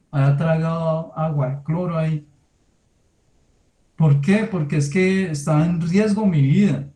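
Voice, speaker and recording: A man preaches in a church, speaking straight to his listeners in a conversational tone. His voice sits a little high but sounds mellow and soft. The room adds clear echo around him. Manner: tells lively personal anecdotes with sound words. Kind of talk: sermon. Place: church hall. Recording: echoey room.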